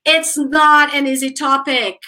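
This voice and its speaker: A woman's voice: sits high, flat delivery, slow pace, pushed and bright, poor audio. A Brazilian woman teaching English in a live online lesson, mixing English and Portuguese, explaining step by step and checking in with her students. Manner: speeds up when explaining in Portuguese.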